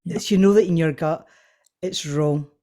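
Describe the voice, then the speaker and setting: A woman with a mellow, dark-toned voice speaks as a panel guest. She is earnest and personal, pausing as she goes. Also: low-pitched. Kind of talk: personal interview talk.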